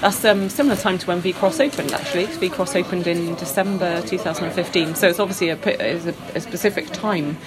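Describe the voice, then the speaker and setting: A woman's voice: lowish voice, quick pace, hardly any pauses, music in the background. A woman hosting an informal chat on location, speaking in a hesitant, rambling way. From Bristol, England. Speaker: interviewer, host.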